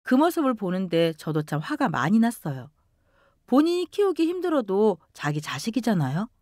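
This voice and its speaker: A woman in her sixties narrating a family story in a calm, lamenting radio-drama style. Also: medium pitch, normal speed, no echo, clean studio sound. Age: 60s.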